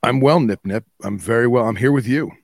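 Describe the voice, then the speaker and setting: A man's voice: medium pitch, fairly quick, no echo, clean studio sound. A man co-hosting a podcast, telling anecdotes and chatting in a teasing, colloquial way. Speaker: podcast co-host. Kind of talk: casual chat and anecdote.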